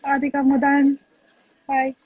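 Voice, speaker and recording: A woman's voice: high voice, monotone, measured pace, dry recording. A woman from Somalia calling into a livestream, speaking earnestly with hesitant fillers. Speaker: caller on a livestream. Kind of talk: casual chat. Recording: muffled lo-fi call audio.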